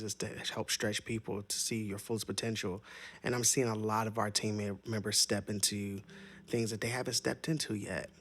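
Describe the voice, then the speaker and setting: A man's voice: fairly low pitch, creaky, a bit bright. Field: earnest rambling male host. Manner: earnest and rambling, with many restarts. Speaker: show host and singer. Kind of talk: casual live-stream chat.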